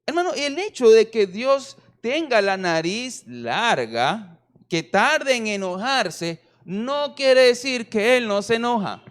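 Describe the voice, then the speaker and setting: Pastor, male, high-pitched voice, sermon delivery, playful asides, drawn-out emphasis on key words. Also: clean tone. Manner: humorous, self-deprecating asides.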